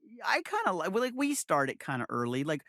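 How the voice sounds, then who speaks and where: Co-host, man, animated delivery, dry sound, chatty and rambling. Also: high-pitched, quick pace, dry recording. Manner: rambling, chuckling, frequent restarts. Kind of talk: casual podcast chat.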